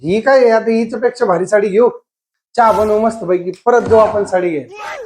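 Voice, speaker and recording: A man's voice: sits high, fairly quick, darkish tone, slight background noise. A man playing a husband in a comedy sketch, exasperated and pleading, talking to himself. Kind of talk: scripted comedy sketch acting.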